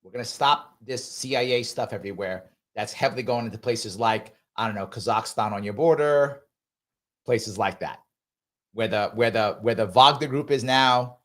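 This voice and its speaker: Reading viewer comments on his live talk show, a host argues emphatically in a conversational way, repeating himself and constantly adding "right?" to his sentences. He speaks at a moderate pace in a mid-range, slightly bright voice.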